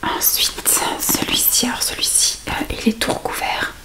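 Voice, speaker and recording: A woman speaks in a soft, hushed library whisper, chatting casually about books and reading aloud in an unhurried ASMR style. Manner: unhurried, reads blurbs aloud between casual remarks. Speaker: ASMR host showing books. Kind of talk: whispered ASMR book chat.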